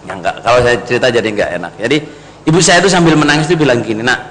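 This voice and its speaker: A man's voice: medium pitch, sing-song, rapid-fire, a bit bright. A man with an East Javanese accent preaching a storytelling sermon, speaking straight to his congregation and telling the story with big swings. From East Java. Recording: long hall reverb with faint background noise.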